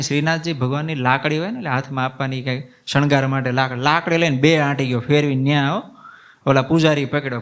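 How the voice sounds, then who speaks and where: A man, a monk preaching a devotional sermon as a lively folksy story. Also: medium pitch.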